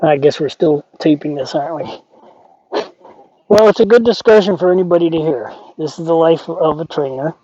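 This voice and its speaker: Older male horse trainer, raised pitch, casual explaining, voices imagined quotes, dry dull lo-fi sound. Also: normal speed, dark tone, no echo. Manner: conversational, acts out imagined quotes. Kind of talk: casual explanatory talk to camera and companion. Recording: dull lo-fi audio.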